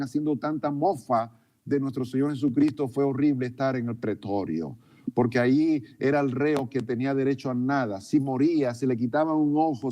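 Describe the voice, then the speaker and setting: Dark-voiced man preaching a sermon. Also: medium pitch. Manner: retelling events with acted quotes, repeating himself for emphasis.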